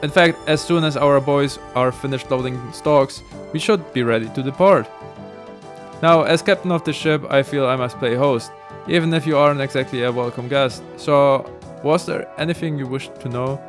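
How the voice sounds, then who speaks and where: A pompous ship captain , read aloud by a man, plays the grudging host in a formal, stiff way. The voice sits at a middling pitch. Faint game music runs behind him. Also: normal speed, lightly acted.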